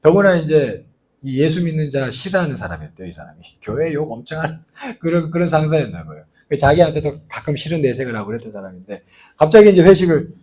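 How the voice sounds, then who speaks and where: A man's voice: fairly high pitch, big pitch swings, fast, a little mellow. A man preaching a sermon as a pastor, telling a story in a chatty way and often turning to the congregation with questions. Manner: conversational storytelling with rhetorical asides. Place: church.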